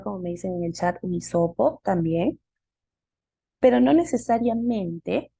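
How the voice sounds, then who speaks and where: Woman teaching online, kinda gravelly and husky, dark tone, asks herself questions then answers. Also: medium pitch, dry recording. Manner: explanatory, asks and answers her own questions. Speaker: teacher giving an online class. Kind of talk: live online lecture.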